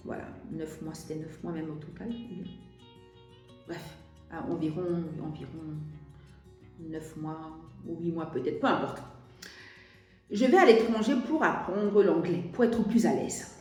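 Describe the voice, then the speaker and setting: A young French woman vlogger tells a personal story to camera in a deep, slightly mellow voice, speaking a little slowly with long pauses. She's hesitant, restarting often and using many fillers, while soft music plays in a very echoey room.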